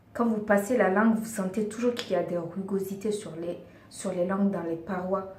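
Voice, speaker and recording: With a darkish, mid-range voice, this woman earnestly coaxes her viewers, often "girls," through beauty advice in a laid-back vlog. The beauty and lifestyle vlogger is speaking a second language and at times reaches for words. Captured from a distance, the audio has a roomy echo and a faint hiss.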